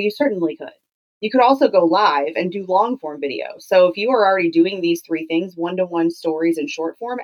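A woman with a slightly low voice speaks as a solo podcast host. She teaches in a conversational style. Her delivery is emphatic, with phrases repeated to make points land. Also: rough recording. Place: home clothes closet used as podcast booth.

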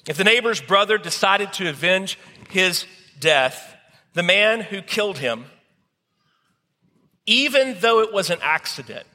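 A man preaches, unfolding a story slowly with deliberate pauses. His voice is bright and clear, and it rings out under a long hall reverb. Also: high voice, animated. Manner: dramatic pauses, slow deliberate retelling. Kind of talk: sermon storytelling.

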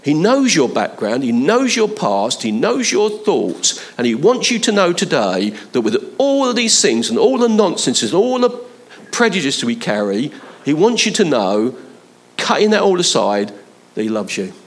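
A man's voice: a little high, wildly swooping pitch, moderate pace. A man preaching a conversational sermon, building to emphatic appeals to his listeners. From London, England.

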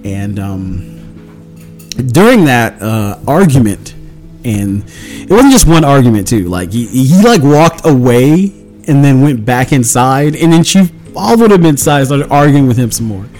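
A man's voice: medium pitch, sing-song, measured pace, darkish tone, faint music behind. Man rambling through a game recap. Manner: meandering storytelling, acts out quotes. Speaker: tabletop game player. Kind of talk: casual campaign recap.

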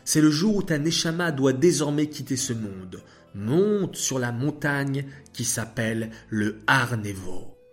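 Man doing a calm, kind divine voice. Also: mid-range voice, faint music behind, lightly acted. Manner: measured, gentle. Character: calm, kind divine voice addressing angels and a prophet.

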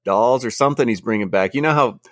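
A man's voice: medium pitch, quick pace, a bit bright, no room sound, studio quality. A man co-hosting a sports podcast, chatting in an easygoing way. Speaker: podcast co-host. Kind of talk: casual sports podcast chat.

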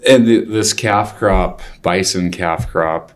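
Slow, low-voiced older man. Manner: deliberate, thinking aloud in pieces. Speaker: interviewer and cattleman. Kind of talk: reflective interview questioning.

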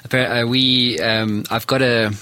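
Host guy with a bright forceful voice, telling stories in a chat, dry room. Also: medium pitch, steady tone, measured pace, dry recording. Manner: anecdotal, storytelling. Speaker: podcast host. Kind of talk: casual interview chat.

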